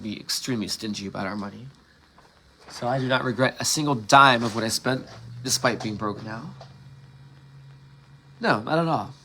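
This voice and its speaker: A man's voice: medium pitch, pushed and bright, a little hiss or hum. Candid, profane man rambling outdoors. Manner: candid, profane, meandering with many restarts. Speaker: livestream host. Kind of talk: casual rambling monologue. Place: outdoors in a suburban yard before dawn. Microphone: phone.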